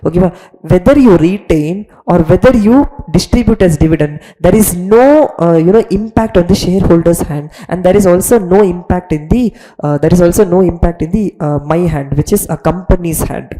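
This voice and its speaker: A woman's voice: lowish voice, fast talker, dark tone, rough recording. A woman with a South Indian Tamil accent teaching finance in a lecture, switching between English and Tamil, with an emphatic, repetitive manner that keeps checking understanding.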